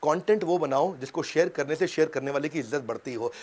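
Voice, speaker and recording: A middle-aged man giving an energetic seminar talk as a motivational business coach, punchy and rhythmic, switching suddenly between loud bursts and hushed lines. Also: fairly high pitch, brisk. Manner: mimics voices and sound effects. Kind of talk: energetic Hindi seminar talk mixed with English.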